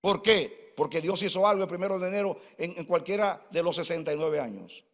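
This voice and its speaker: A pastor in his sixties preaches a fervent sermon in a church hall, weaving in personal testimony and storytelling. His voice is high and fairly quick, with long reverb from the hall.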